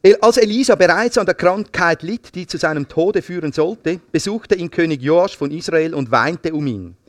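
A middle-aged man with a Swiss German accent preaching a sermon, telling stories in a lively way, repeating words and swinging between hushed and loud passages. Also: fairly high pitch, normal speed, no room sound, clean studio sound. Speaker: pastor.

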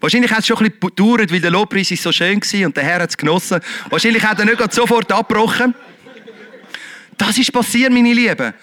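A man preaching a lively sermon, shifting between loud exhortation and quiet, earnest talk. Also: high voice, fast talker. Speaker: pastor.

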